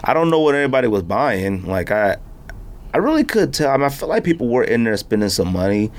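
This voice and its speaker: A man with a mid-range, sing-song voice hosts a sneaker podcast at a quick pace. His talk is casual, conversational and full of slang.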